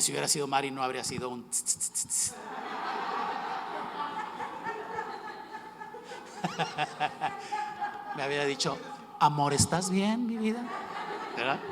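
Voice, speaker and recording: A middle-aged man preaching a sermon, telling a personal story that shifts from hushed retelling to loud, emphatic bursts. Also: medium pitch, noisy background. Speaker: pastor. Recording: echoey hall with faint ambience.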